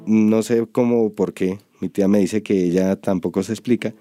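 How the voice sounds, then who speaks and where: A man with a Colombian accent, speaking earnestly in an interview and pausing to search for words. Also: on the low side, fairly even intonation, mellow, faint music behind. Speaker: storyteller interviewed. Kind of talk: reflective interview.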